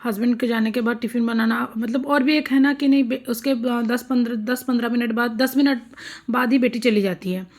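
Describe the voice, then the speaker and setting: A woman's voice: a little high, fairly even intonation, a little fast. Chatty woman narrating a home vlog. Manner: chatty, amused, full of fillers. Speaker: vlogger; mother and homemaker. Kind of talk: casual vlog voice-over narration.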